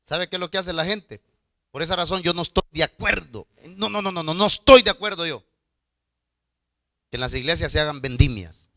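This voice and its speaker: A middle-aged man preaching a storytelling sermon as a pastor, swinging from loud outbursts to hushed asides and stammering repetitions. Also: fairly high pitch, brisk, long pauses, dry recording, clean studio sound. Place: church.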